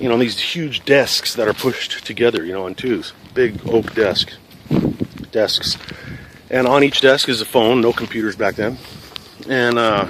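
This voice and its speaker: Middle-aged man, former patrol officer; loose, profane storyteller; noisy recording. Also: mid-range voice. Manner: profane, rambling, conversational. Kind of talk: casual storytelling.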